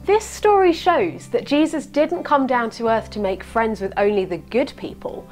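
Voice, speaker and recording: A young woman leading a children's church video, talking brightly to children at home. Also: a little high, normal speed, soft background music. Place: indoors, plain wall.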